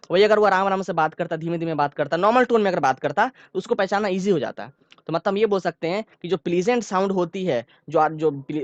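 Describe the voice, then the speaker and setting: A man's voice: high voice, dry recording, highs cut off. A man teaching a science lesson to school students, explaining step by step, repeating key terms and often checking whether they understood. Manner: informal, repeats key phrases. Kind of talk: online classroom lecture.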